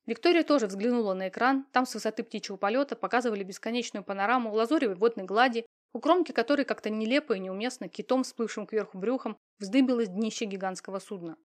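Woman audiobook narrator, slightly high voice, dramatic read. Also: quick pace, hardly any pauses. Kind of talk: scripted narration.

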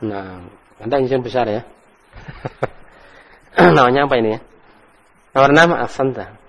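A man's voice: medium pitch, lively intonation, moderate pace. A man teaching an Arabic grammar lesson, patiently correcting students and praising them often. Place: mosque study hall. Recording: long hall reverb.

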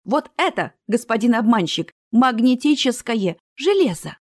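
A woman voicing a bold, quick-tempered young sorceress in an audiobook. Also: fairly high pitch, very animated, darkish tone, dry recording, studio quality, voice pushed up. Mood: spirited. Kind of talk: audiobook character reading.

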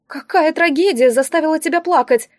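A woman's voice: high voice, fairly quick, dry recording, voice pushed up, lightly acted. A woman voicing a fussy, doting male palace steward who talks down in a sugary, gushing way. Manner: gushing, patronizing, overly sweet.

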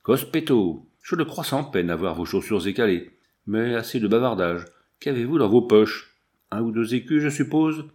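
A man's voice: medium pitch, expressive, moderate pace, a little mellow, lightly acted. A man reading the part of a menacing, greedy brigand chief who sneers at his captive, with Italian oaths. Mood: scornful. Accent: Italian words sprinkled in French. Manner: sneering, scornful.

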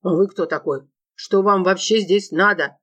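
A woman's voice: medium pitch, normal speed, a bit bright, close to an everyday voice. A woman doing a whiny spoiled young man. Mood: indignant. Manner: plaintive, whining. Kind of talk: audiobook narration.

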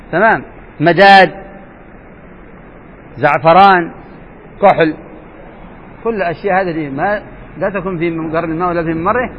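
A man's voice: on the high side, unhurried, pauses often. A man sheikh teaching a jurisprudence lesson, asking his students questions and repeating key points. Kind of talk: classroom lesson explaining a text. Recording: dull lo-fi recording with faint hiss.

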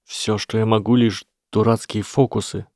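A man's voice: on the low side, level tone, normal speed, a little mellow, no room sound, studio quality, lightly acted. A man voicing an earnest young boy wizard in an audiobook, speaking plainly and sometimes strained. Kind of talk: audiobook character voice.

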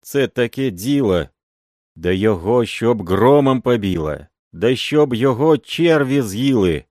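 An old working man swears loud, wailing oaths, as a male reader puts him on. His voice climbs above the reader's own and carries loudly. The sound is dry and close. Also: mid-range voice, expressive, measured pace, dry recording, pitched above the performer's own voice, lightly acted. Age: older. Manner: wailing oaths, then gruff threats.

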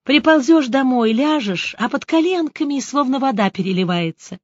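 A woman's voice: high-pitched, expressive, moderate pace, dry recording, dull audio. Woman reading a novel aloud, dry and close. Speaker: audiobook narrator. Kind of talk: audiobook reading with character voices.

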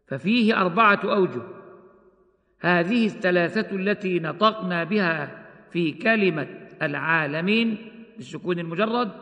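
A man teaching the rules of Quran recitation, explaining each rule and then slowly chanting the examples. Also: high voice, pushed and bright, long reverb tail. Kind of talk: tajweed lesson with chanted examples.

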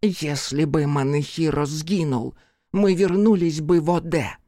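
A sneering, defiant demon woman from an audiobook, pitched up above the reader's own voice and drawn out slowly, with a dry, close sound, as a male narrator puts her on. she answers her captors with cold contempt. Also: dark tone, no echo, close to an everyday voice. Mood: scornful. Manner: scornful, then cackling madly. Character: mocking treacherous demon woman servant. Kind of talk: audiobook character voicing.

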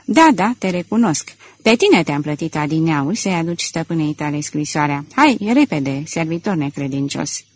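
A woman voicing a mocking gentleman thief. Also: low-pitched, expressive. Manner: sneering, playful. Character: gentleman thief, mocking, theatrical, confident man.

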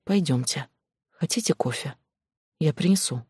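Brief: male narrator voicing a gentle young woman, hushed and pleading, dry close recording. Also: deep voice, normal speed, dry recording. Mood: kind. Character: gentle, polite young female assistant.

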